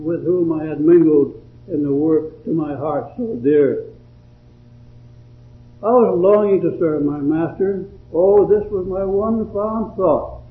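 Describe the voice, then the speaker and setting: A man preaching a sermon and reciting a devotional poem in a slow, deliberate, measured way. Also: on the high side. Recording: tinny phone-like old recording.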